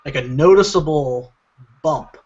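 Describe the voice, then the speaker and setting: A man's voice: a little high, unhurried, muffled recording. A man telling a long story on a casual comedy podcast, rambling with lots of fillers. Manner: rambling, filler-heavy, animated retelling. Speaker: podcast co-host.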